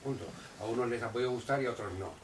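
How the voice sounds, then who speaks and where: A man's voice: medium pitch, very fast. An older man talking at a neighborhood meeting, emphatic and repetitive, often restarting his sentences. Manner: emphatic, repeats himself, restarts. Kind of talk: impassioned public talk. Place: neighborhood association hall. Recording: roomy echo, distant mic, faint noise.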